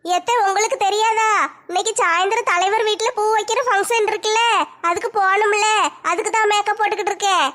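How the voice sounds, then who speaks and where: A woman's voice: extremely high pitch, fairly even intonation, fast talker, fairly bright tone. A woman playing cheeky, boastful roles in a comic skit.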